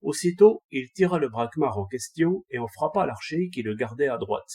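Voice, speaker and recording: Brief: male audiobook reader, mellow and husky, steady storybook narration. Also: medium pitch, brisk. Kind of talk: scripted narration of a classic text.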